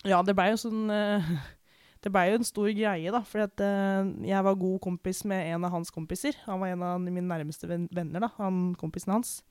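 Candid young Norwegian woman, clear voice. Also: medium pitch, fairly even intonation, darkish tone, no room sound, studio quality. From Norway. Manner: candid, reflective, with frequent pauses and restarts. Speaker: podcast guest. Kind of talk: personal account in casual conversation.

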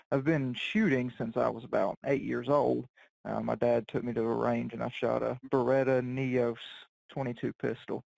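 A man's voice: medium pitch, vocal fry, a little mellow, no room sound, rough recording. A man speaking as a guest on a podcast, chatting in an easygoing way and saying "y'all". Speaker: podcast guest, competitive shooter. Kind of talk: casual podcast interview.

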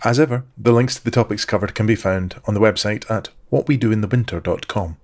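A man hosting an interview podcast, reading a measured scripted introduction and asking questions. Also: lowish voice. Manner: measured, reads sponsor details slowly and clearly. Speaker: podcast host.

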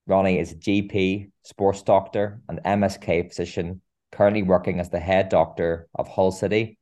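Deep mellow guy hosting a podcast, doing intros and interview questions. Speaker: podcast host.

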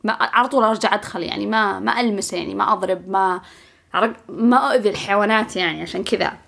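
Talking very fast in a mid-range voice that's creaky and a little bright, this Saudi vlogger shares a laid-back story with her audience in a Gulf Arabic accent. Her chatty style includes frequent repetition and occasional whispers.

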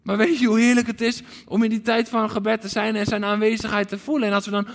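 A man preaching a livestreamed sermon with passion, moving from loud pleading calls to hushed, almost whispered lines. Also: high voice, flat delivery, fast talker. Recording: long hall reverb.

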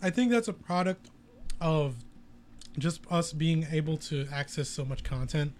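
A man's voice: fairly high pitch, lively intonation, measured pace, a little mellow, a little hiss or hum. A man in casual chat, rambling with frequent restarts and swearing. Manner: rambling, profane, hesitant restarts.

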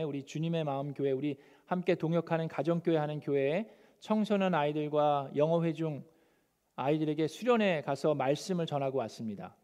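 A male pastor preaching a sermon, animated and acting out the scripture quotes. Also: fairly high pitch, clean tone, lo-fi sound. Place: church sanctuary. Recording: long church hall reverb.

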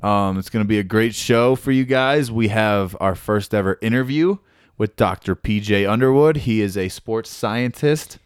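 A man's voice: fairly low pitch, moderate pace, smooth, no echo. A young man hosting a casual sports podcast, joking and teasing his co-hosts. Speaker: podcast host. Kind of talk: casual chat.

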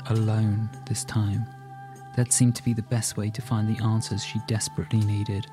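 A man narrating an audiobook in a calm, even storytelling manner. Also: fairly low pitch, husky. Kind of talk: scripted narration.

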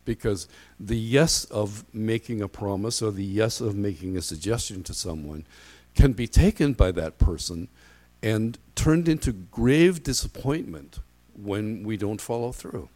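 Male pastor, middle-aged, low voice. Conversational sermon delivery, anecdotal, halting, self-deprecating. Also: animated, darkish tone.

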